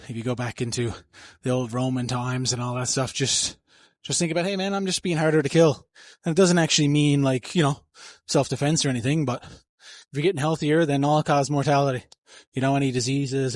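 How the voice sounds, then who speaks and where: A man's voice: mid-range voice, dry recording, clean studio sound. A man talking through his workout in a gym, coaching and rambling casually into a handheld mic, breathing hard between sets. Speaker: fitness vlogger. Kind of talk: casual gym vlog narration.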